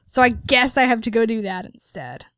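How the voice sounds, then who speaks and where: A woman's voice: a little high, expressive, moderate pace, fairly bright tone, no echo, clean studio sound. A woman co-hosting a podcast in casual chat, sarcastic and laughing often. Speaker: podcast co-host.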